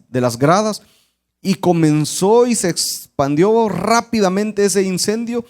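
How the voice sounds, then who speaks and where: A man's voice: a little high, a little mellow. Earnest male pastor preaching. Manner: earnest storytelling. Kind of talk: sermon.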